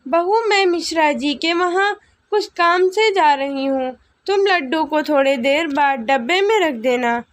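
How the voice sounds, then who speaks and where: A woman voicing a bossy, nagging older mother-in-law in a storybook tale, with a very high, slow voice. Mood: scolding.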